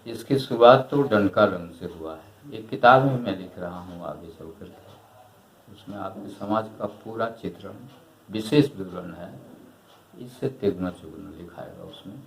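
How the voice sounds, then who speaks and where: An older man speaks slowly and thoughtfully, his voice sitting low. He answers an interviewer at length. The recording carries a roomy echo with faint background noise. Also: gravelly. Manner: slow, measured, reflective. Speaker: retired writer and historian.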